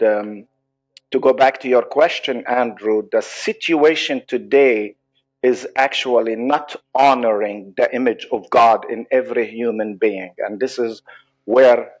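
A man's voice: medium pitch, steady tone, darkish tone. Earnest Palestinian-accented man, lo-fi audio. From Israel. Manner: earnest, halting, many restarts. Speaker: psychologist guest. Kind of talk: podcast interview.

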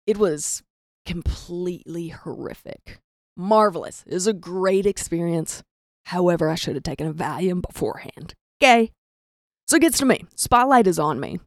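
With a voice on the low side, a young Southern woman from the rural U.S. performs comedic storytelling, poking fun at herself and imitating the people in her tale. The recording is studio quality with no room sound.

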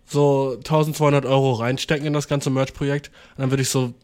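A young man, a podcast host telling a rambling, slangy, self-mocking story in a casual monologue, with loud outbursts and mumbled asides. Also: medium pitch, little pitch movement, fairly quick, clear, resonant tone.

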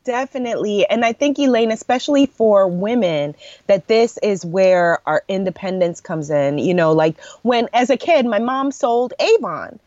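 A woman in her thirties from New York speaks as an interview guest, spinning stories with easy laughs and lots of "you know". Her voice sits at a middle pitch. The audio is a touch muffled and dry, with no room sound. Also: animated, moderate pace, no echo. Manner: warm storytelling with frequent laughs and "you know". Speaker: podcast guest, entrepreneur. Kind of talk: casual interview conversation.

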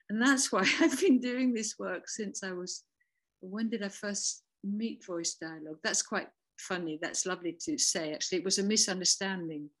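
A woman's voice: on the low side, a bit bright. A reflective woman, a voice dialogue facilitator, talking through her story in a conversational interview with small laughs and restarts.

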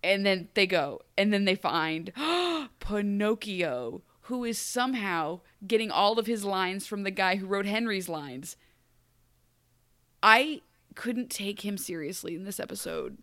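A woman's voice: medium pitch, measured pace. A woman co-hosting a podcast, chatting casually and animatedly, often mimicking characters in a mock-grandiose tone. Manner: animated, mock-grandiose quoting, frequent fillers. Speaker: podcast co-host. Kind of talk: casual recap chat.

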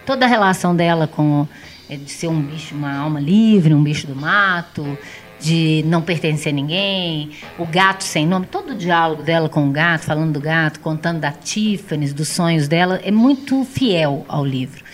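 A woman's voice: sits low, normal speed, faint music behind. A woman co-hosting a casual film talk, reflective and musing, often ending thoughts with a questioning tag. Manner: reflective, trailing, often ends with "né?". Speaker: co-host discussing films.

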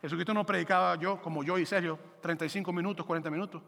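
A man preaching a sermon as pastor, animated and joking, acting out quick voices for biblical characters. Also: sits high, vocal fry, big-room sound.

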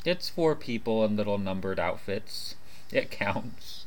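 A man's voice: fairly low pitch, animated, a little slow. A man co-hosting a casual podcast, talking informally and freely swearing, with half his mouth numb from the dentist. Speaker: podcast co-host.

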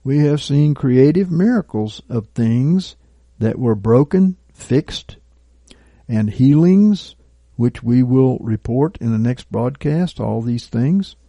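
A man preaching a sermon, deliberate and measured, reading scripture aloud and dropping to quiet asides. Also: mid-range voice, animated, no room sound. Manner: reads scripture and prophecy aloud. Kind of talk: recorded sermon teaching.

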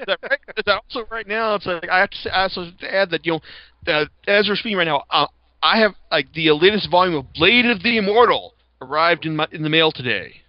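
A man's voice: a little high, lively intonation, quick pace, no echo. A man hosting a podcast, chatting casually and reviewing with rambling, profane enthusiasm. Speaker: podcast host. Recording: slightly dull lo-fi sound.

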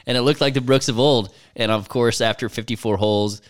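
A man's voice: mid-range voice, fairly even intonation, brisk. A man co-hosting a podcast, giving a laid-back, wry recap of golf with jokes. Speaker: podcast co-host. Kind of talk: casual golf chat.

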